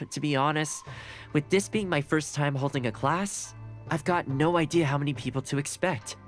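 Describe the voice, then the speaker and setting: A man's voice: fairly high pitch, moderate pace, faint music behind, lightly acted. An actor voicing a friendly, earnest young male housekeeper in a video game, with an easygoing manner. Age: young adult.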